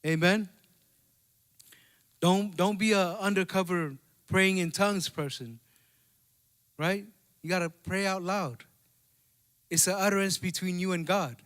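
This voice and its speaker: A pastor with a Samoan accent preaches a bilingual sermon at a church service in a high-pitched, fairly bright voice. He speaks unhurriedly, pausing often, and keeps it conversational, using tag questions to check in with the congregation.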